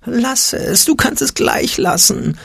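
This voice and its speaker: A man voicing a whiny, fearful inner voice that shrieks and whimpers in a high, squeaky register, reading from a children's audiobook. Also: animated, takes it slowly, gravelly, a bit bright, breathy edge, no room sound, clean studio sound, heavily acted. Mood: whimpering. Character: whiny fearful inner voice, a shrill little imp.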